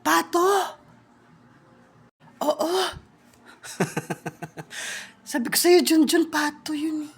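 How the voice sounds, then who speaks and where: A woman with a very high, bright-sounding voice plays a comic skit in a teasing, playful way. She takes her time, drawing her words out slowly. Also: big pitch swings. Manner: playful, teasing, quick back-and-forth with laughter. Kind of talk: comedic skit with several voices.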